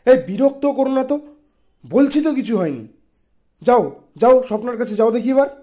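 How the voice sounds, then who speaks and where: A man's voice: sits high, expressive, fairly quick, mellow. A man playing a curt, secretive husband. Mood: irritated. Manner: curt, brushing off questions. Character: irritable secretive husband, middle-aged man. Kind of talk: Bengali audio drama acting.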